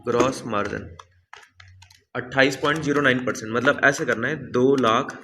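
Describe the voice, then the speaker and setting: A man's voice: medium pitch, fairly even intonation, normal speed, pushed and bright, slight background noise. A male accounting teacher lecturing a classroom, repeating answers back and quizzing students as he goes. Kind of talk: classroom lecture with call-and-response.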